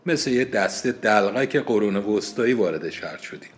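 A man's voice: on the low side, expressive, natural voice. A man reading aloud and giving voice to an irritable, pompous young man who grumbles impatiently. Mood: grumbling.

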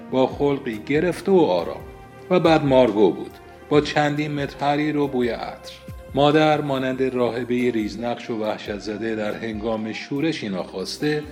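A male radio host reads a novel aloud in a measured, expressive manner. His voice sits at a middle pitch, and faint music runs underneath the narration. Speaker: host and reader. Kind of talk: book reading.

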